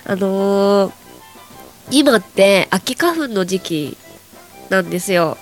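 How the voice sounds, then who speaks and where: Stuffed up and nasal from hay fever, this young adult woman rambles through her solo radio show in a casual, chatty way. Her mid-range voice is very animated but she takes it slowly, with faint music behind her.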